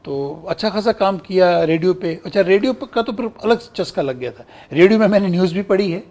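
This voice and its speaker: High gravelly man telling stories. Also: a little fast. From Kashmir, India. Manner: animated storytelling, acts out quoted exchanges. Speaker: guest actor and broadcaster. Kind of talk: conversational interview, reminiscing.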